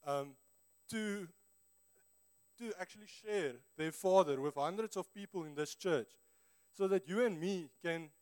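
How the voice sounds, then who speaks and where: A male preacher with a high, smooth voice and a broad South African accent shaped by his native Afrikaans. He addresses his congregation informally, in an earnest and conversational sermon style. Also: a little mellow.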